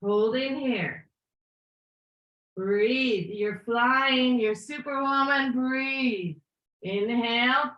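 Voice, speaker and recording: A woman leading a live yoga class with playful, encouraging cues and breath counts, her voice going hoarse. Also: fairly high pitch, drawn-out words, muffled recording. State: losing her voice. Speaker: yoga teacher. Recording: echoey room.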